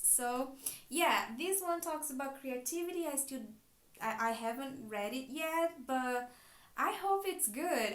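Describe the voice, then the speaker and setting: A high-voiced Brazilian woman, a book vlogger and private teacher whose first language is Portuguese, chats about books in a casual book haul vlog. She speaks with a Brazilian Portuguese accent, friendly and thinking aloud. The room sounds echoey.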